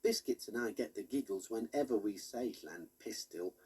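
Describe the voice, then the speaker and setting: A man reading a children's storybook aloud in an expressive, animated way. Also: lowish voice, moderate pace, breathy edge. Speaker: audiobook narrator.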